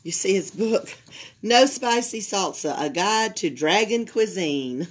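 Reading a children's picture book aloud at a library table, an older woman from Alabama tells the story expressively and stops now and then to talk to her young listeners. Her Southern US voice is slightly raspy, pitched in the middle, with lively intonation.

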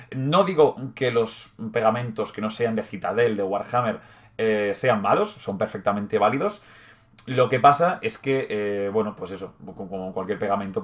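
A young man from Spain with a Spain Spanish accent, hosting a casual hobby vlog in a chatty, rambling way, often correcting himself and swearing offhandedly. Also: mid-range voice. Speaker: channel host.

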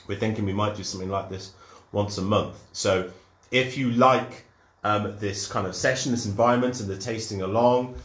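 A man's voice: lowish voice, a bit bright, echoey room. A man from the UK hosting a live online cider tasting, talking enthusiastically with plenty of ums and restarts. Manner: enthusiastic, lots of ums and restarts, greets viewers. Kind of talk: live-streamed tutored tasting, chatty.

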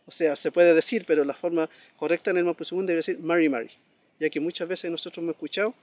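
A man teaching a pronunciation lesson, saying words slowly and repeating them, often checking in with a quick question. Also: a little high, steady tone, darkish tone. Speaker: language teacher.

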